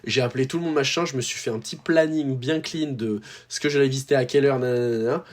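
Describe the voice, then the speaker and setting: A young man from France chats straight to his viewers in a loose, slangy way, full of fillers and restarts. His voice sits at an ordinary mid pitch. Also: fast talker. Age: young adult. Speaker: tennis YouTuber. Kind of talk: casual storytelling to viewers.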